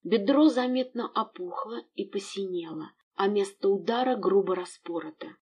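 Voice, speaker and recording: A woman narrating an audiobook in an expressive storytelling manner. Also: medium pitch, moderate pace, slightly rough.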